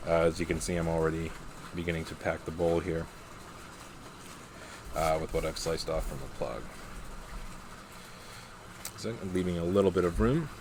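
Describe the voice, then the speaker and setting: Casual male reviewer, very deep voice, measured and hesitant delivery, clearly noisy recording. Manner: hesitant, measured, thinking aloud. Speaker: pipe tobacco reviewer. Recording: clear steady background noise, vehicle-like rumble.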